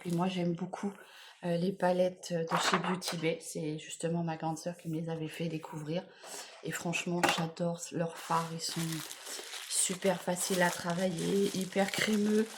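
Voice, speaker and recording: A woman in casual vlog chat, enthusiastically presenting gifts to her viewers, repeating words and filling pauses as she goes. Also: fairly low pitch, background noise. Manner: chatty, enthusiastic, many fillers and repeated words. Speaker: beauty vlogger. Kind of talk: casual unboxing chat to camera.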